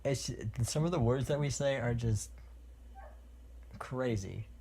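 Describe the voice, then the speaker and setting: Slow, gravelly Californian guy. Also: medium pitch, dark tone. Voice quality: nasal. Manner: rambling and chatty, with fillers. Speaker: vlogger. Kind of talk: casual chat.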